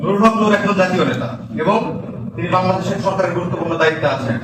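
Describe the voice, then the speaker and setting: A man's voice: high voice, very fast, heavy background noise. A man, a student party leader, arguing heatedly in a university office and pressing the same questions again and again. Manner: insistent, repeats questions, interrupts. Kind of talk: heated argument. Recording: echoey room from far off, crowd. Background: crowd of people.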